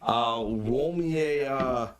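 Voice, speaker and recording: A man's voice: medium pitch, slow pace, crowd noise. A man running a tabletop game as dungeon master, narrating in a casual, stop-start way with frequent swearing.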